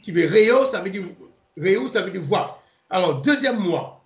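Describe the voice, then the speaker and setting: Halting man teaching a bible class. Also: sits high, expressive. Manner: halting, repeats words, spells names letter by letter. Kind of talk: informal Bible study lesson. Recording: roomy echo.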